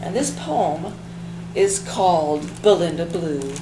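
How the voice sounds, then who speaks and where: A woman from the library staff introducing children's poems in a measured, friendly way. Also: on the low side, expressive, noisy background. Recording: echoey room with faint ambience.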